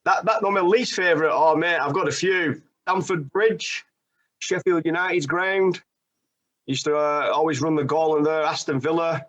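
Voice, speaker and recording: Man, from Rochdale, chatty stories, northern slang, slightly high voice. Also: normal speed, fairly bright tone. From England, Rochdale. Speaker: caller, football fan. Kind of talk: casual chat.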